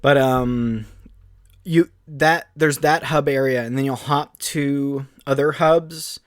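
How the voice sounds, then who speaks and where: A man co-hosting a podcast, chatting casually and excitedly in long rambling runs full of fillers. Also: mid-range voice, takes it slowly, dry recording, clean studio sound. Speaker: podcast co-host. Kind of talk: casual chat.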